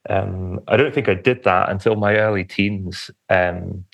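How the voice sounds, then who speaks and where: Young male podcast guest, slightly low voice, hesitant conversational testimony. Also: steady tone, a little slow, gravelly, a bit bright. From England, Romford in Essex on the edge of London. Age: young adult. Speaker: podcast guest, church minister.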